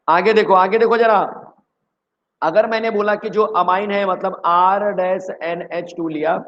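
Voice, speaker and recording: A man from India teaching chemistry in an energetic online exam-prep lecture, who keeps quizzing his students. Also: high voice, slow pace, long pauses, lo-fi sound, slight background noise.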